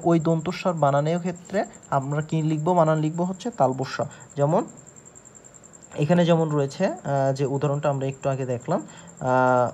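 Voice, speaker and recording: Slow-explaining male teacher. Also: on the high side, a little mellow, slight background noise. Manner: slow, explanatory, with many pauses and fillers. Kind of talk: grammar lesson.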